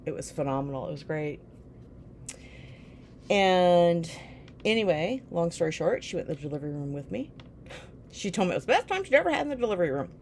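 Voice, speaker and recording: Brief: low-pitched woman, rambling memoir storyteller who keeps circling back to her point. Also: sing-song, brisk, pauses often, a little mellow, a little hiss or hum. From Newton, Iowa, USA. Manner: rambling, reflective, often drifting back with "anyway". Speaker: storyteller recounting her life. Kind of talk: casual personal memoir storytelling.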